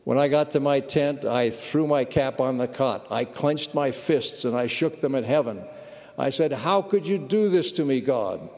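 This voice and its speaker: A man's voice: medium pitch, normal speed, a little mellow, big-room sound, close to an everyday voice. A man quoting a firm, earnest older man recalling his life, within a sermon. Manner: earnest, firm quoted storytelling. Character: firm older male gardener, later humbled.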